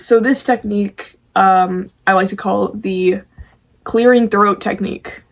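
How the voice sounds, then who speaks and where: A woman's voice: medium pitch, fairly even intonation, measured pace. Casual woman giving a tutorial. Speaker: amateur vocalist presenting a tutorial.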